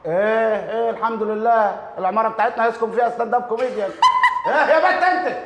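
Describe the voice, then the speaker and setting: An actor plays a nosy, comic doorman who bosses the residents around, performing for a TV comedy series in an Egyptian accent with an Upper Egyptian flavor. His voice sits high and a bit bright, and his delivery is brash, bossy and quick. There's slight background noise.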